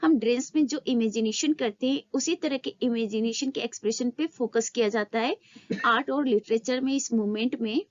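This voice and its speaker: A woman teaching an exam-prep literature lesson, explaining in a Hindi-English mix, asking questions and answering them herself, and reading English statements slowly. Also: a little high, no room sound. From India. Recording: slightly dull, dry sound.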